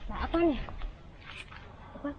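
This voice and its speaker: A woman's voice: slow, muffled recording, noisy background. A woman filming a casual vlog outdoors in an orchard, chatting and exclaiming with delight. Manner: excited exclamations while picking fruit. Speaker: vlogger.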